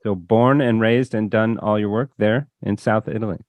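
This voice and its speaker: Male podcast host, lowish voice, dry close recording, relaxed conversational questioner. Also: moderate pace, dry recording. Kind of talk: podcast interview.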